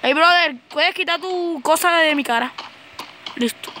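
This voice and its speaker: A woman gamer giving live, excitable and playful commentary on her own play, yelling when she is in danger. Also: extremely high pitch, a little slow.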